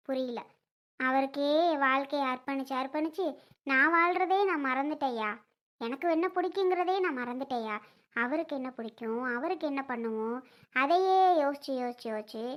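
A woman's voice: moderate pace, muffled recording, lightly acted. A woman playing a grieving older mother-in-law, crying and full of regret in a family skit. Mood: tearful. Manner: sorrowful, regretful, soft and low.

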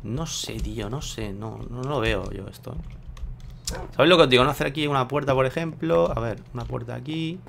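A man talks casually to his viewers while he plays, unsure and thinking aloud. His voice is gravelly at a middle pitch. Faint keyboard typing sits behind his desk mic. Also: normal speed, a bit bright, slight background noise. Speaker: gameplay video host. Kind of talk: casual gameplay commentary.

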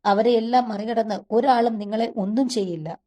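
A woman's voice: fairly high pitch, fairly even intonation, moderate pace, warm tone, natural voice. A woman voicing a protective young man who speaks to his sister in an anxious, reassuring way, in a storybook reading. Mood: worried, reassuring. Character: protective young man, caring older-brother type.

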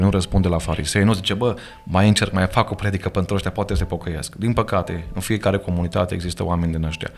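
Deep earnest Romanian preacher. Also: male voice, creaky. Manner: earnest, emphatic, quotes scripture. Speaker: pastor and guest. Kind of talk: podcast conversation, preaching manner. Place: studio.

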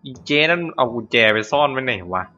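A male gameplay host playing a horror game, loud and jokey, swearing and shouting at the characters on screen. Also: mid-range voice, big pitch swings, quick pace, dull audio.

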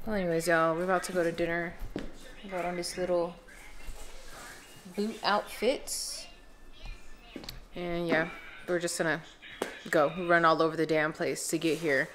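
A young woman chatting casually to her viewers in a home vlog, expressive and talkative. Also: fairly low pitch, moderate pace, pauses often, a little hiss or hum. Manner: chatty and expressive, talks straight to viewers as "y'all". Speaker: vlogger. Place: at home, indoors.

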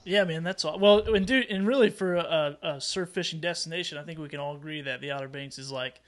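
Excitable young man, higher voice. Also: a little fast. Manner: excitable, jokey, says "dude". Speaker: co-host. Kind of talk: casual video-call interview.

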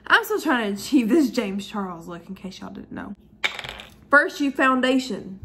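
Woman, 20s, makeup vlogger: giggly drunk, animated and slangy, chatty rambling delivery. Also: on the high side, moderate pace, background noise. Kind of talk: casual chatty makeup tutorial. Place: living room at home, high ceiling.

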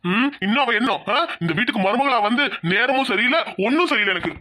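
Man voicing a bossy cartoon landlord father: high, fast and bright. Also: animated, full character voice. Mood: angry. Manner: scolding, domineering. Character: proud angry village landlord father, middle-aged.

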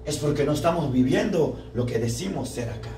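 A man's voice: a little high, expressive, a little fast, warm tone. A young man preaching a sermon at a parish group, fervent and full of rhetorical questions to the congregation. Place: church hall. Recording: echoey room, mic far off, faint background noise.

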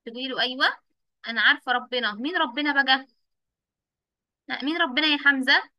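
Over a video call, a young teacher with an Egyptian Arabic accent encourages young kids by repeating questions and praising each answer. She talks at a quick pace in a high-pitched, pushed, bright voice, with no echo.

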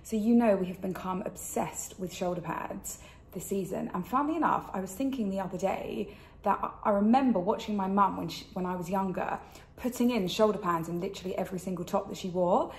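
A British woman in her thirties hosts a chatty fashion vlog from her kitchen, talking briskly at medium pitch with a slight impediment caused by the dental retainers she's wearing. The room gives a roomy kitchen echo.

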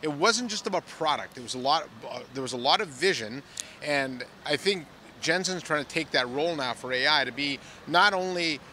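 A middle-aged man, an industry analyst, explaining in a measured way with occasional "uh"s, interviewed outdoors on a handheld mic. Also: on the high side, animated, pushed and bright, a little hiss or hum. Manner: measured, explanatory, some filler "uh"s. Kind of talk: on-site analysis chat. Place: outdoor plaza at a conference.

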